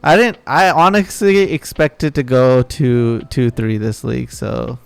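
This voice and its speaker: A man streaming a card game live, talking to himself and his viewers, swearing at bad luck and muttering quietly between outbursts. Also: medium pitch, measured pace, creaky, clear, resonant tone, no room sound.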